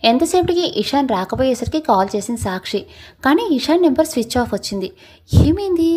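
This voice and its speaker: A woman narrating a family love story in a calm, scripted storytelling manner. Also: a little high, fast talker, slightly rough.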